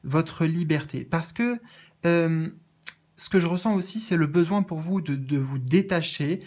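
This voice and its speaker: A man doing a casual spiritual card reading, earnest and gentle, with many fillers and restarts. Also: fairly high pitch, a little slow. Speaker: medium reading oracle cards.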